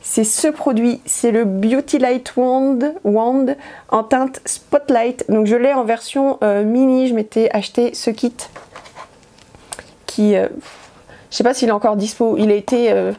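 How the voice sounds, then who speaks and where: A woman's voice: a little high, steady tone, unhurried, warm tone. A woman chatting casually through a makeup tutorial, hesitant with many fillers. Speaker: beauty vlogger.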